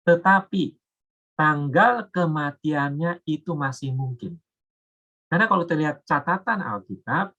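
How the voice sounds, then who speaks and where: Man, Bible teacher, bright tone, slightly husky, casual step-by-step explanation. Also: medium pitch. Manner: explains step by step, with filler words.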